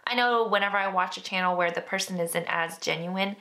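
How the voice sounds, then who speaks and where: A woman's voice: medium pitch, a little fast, pushed and bright. A woman in her twenties chatting casually to her viewers and answering their questions, chatty and self-deprecating, with lots of fillers. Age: 20s. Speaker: beauty vlogger. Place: indoor, seated.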